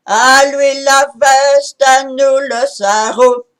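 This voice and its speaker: A woman from Belgium. She speaks softly to introduce a folk song, then leads its call-and-response chorus over a video call. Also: high-pitched, steady tone, slow, very noisy. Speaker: folk singer. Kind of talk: folk song performance at an online sing.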